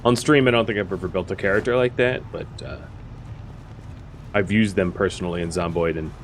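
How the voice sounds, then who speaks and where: A man's voice: deep voice, fairly even intonation, brisk, slight background noise. A man giving casual, wry gameplay commentary as a streamer, thinking aloud with fillers. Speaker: gaming streamer.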